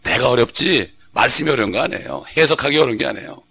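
A middle-aged male pastor with a gravelly, creaky voice delivers a sermon at an ordinary pitch. He preaches conversationally, often stopping to throw short questions at the congregation and wait for their response. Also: expressive, fast talker, sharp tone.

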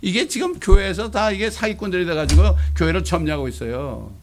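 Man, pastor, sermon, fiery, blunt, coarse, fairly high pitch. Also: expressive, quick pace, slight background noise.

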